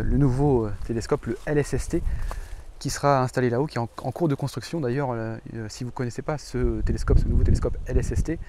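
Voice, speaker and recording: A man's voice: medium pitch, warm tone, slight background noise. A man talking to camera in a casual, enthusiastic astronomy travel vlog outdoors, with many fillers and restarts. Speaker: astronomy vlogger. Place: outdoors in a hilly valley.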